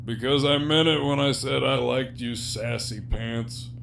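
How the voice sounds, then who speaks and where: A man plays a jaded, sardonic, despairing prisoner villain in an audio drama, using a profane, wry, teasing drawl, though here he sounds sincere and regretful. His mid-range voice is gravelly yet fairly bright, with fairly even intonation and a slightly slow pace. A faint hum and noise run in the background.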